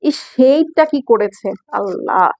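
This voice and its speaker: A woman's voice: on the high side, lively intonation, unhurried, no echo. A woman with a Bangladeshi accent hosting a live sales stream for clothing, chatty and coaxing, slipping English phrases into her talk. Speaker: online clothing seller.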